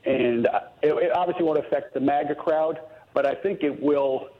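A middle-aged man calling in to a radio show over a phone line, earnest and halting, with many restarts. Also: fairly high pitch. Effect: heard over a phone line. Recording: muffled phone-line audio.

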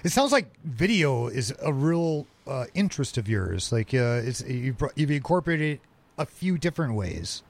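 A man's voice: mid-range voice, very animated, moderate pace. An American man hosting a live local radio show, moving between interview chat and sponsor reads.

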